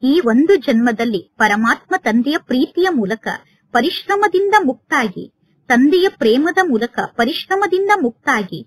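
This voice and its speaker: A woman reading a devotional sermon in a measured, repetitive, exhorting way, as a spiritual teacher. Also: on the high side, husky, dry recording.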